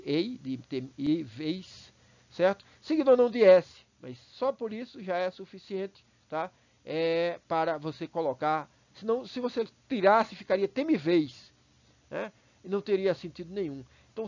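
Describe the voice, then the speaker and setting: High-voiced Brazilian male teacher. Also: no room sound. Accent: Brazilian Portuguese. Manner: explanatory, checks in with "né?" and "tá?", repeats words while thinking. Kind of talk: recorded online class. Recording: dry, dull lo-fi recording.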